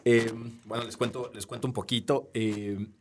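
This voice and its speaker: A middle-aged man from Peru, a podcast guest who explains calmly and often ends with a tag question. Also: medium pitch, moderate pace, a little hiss or hum. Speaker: podcast guest, tech entrepreneur. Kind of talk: casual interview talk.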